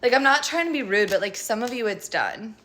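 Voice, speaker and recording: A woman's voice: on the high side, animated, brisk, fairly bright tone. A woman reading tarot cards to her viewers in a casual rant, blunt, profane and sarcastic as she scolds them. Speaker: tarot reader.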